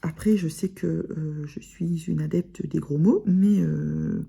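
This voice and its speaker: A sewing vlogger chats casually to camera in a Picard (Ch'ti) accent from northern France, rambling with plenty of fillers and restarts. Her voice sits low and creaky, dark and slightly rough, and she takes her time.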